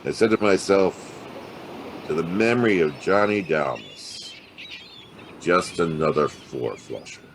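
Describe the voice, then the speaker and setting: An American actor playing a world-weary, hard-boiled private detective with a soft streak in a noir audio drama, gravelly and laconic. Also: male voice, low voice, expressive, a little slow, slight background noise. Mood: wry, weary. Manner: laconic, colloquial tough-guy delivery. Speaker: actor playing the lead and narrator. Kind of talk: noir audio drama dialogue and first-person narration.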